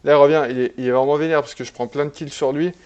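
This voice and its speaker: A man casually commenting on a replay of his own online game, relaxed and chatty, with many fillers and restarts. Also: a little high, rapid-fire, smooth, muffled recording.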